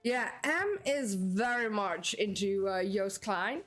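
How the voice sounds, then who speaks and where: Over soft background music, a young woman from the Netherlands with a Dutch accent livestreams a game, chatting, answering viewers and bursting into laughter. Her mid-range voice is fairly bright, with lively intonation and a slow pace.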